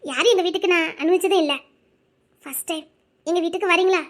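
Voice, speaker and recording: Brief: actress as a grieving middle-aged woman, gentle and teary, voice pitched very high. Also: fast talker. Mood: tender. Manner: soft-spoken, tearful and emotional. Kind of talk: audio drama acting.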